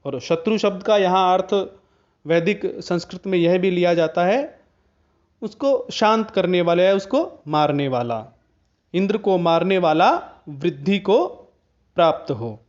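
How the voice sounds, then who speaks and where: A man teaching Hindi grammar to students in a video lesson, explaining slowly and chanting Sanskrit examples. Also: sits high, lively intonation, darkish tone, highs cut off. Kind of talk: online Hindi grammar lecture.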